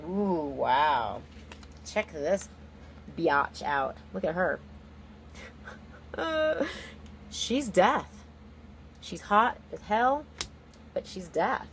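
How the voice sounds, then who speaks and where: A woman's voice: on the low side, a little hiss or hum. A woman giving a casual, improvised tarot reading in an informal, exclamatory, slangy way. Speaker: tarot reader.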